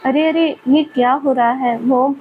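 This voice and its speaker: A woman's voice: high voice, steady tone, measured pace, narrow, tinny audio, slight background noise. A woman voicing a young man, a professor son who teases and sulks. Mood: teasing. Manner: mock-grumpy, teasing.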